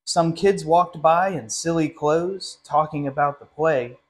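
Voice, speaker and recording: A young adult man who directs a literacy council reads a picture book aloud in a friendly, animated storytime style aimed at young listeners. His voice is fairly high-pitched and a little slow, and he sits in a small classroom a short distance from the camera.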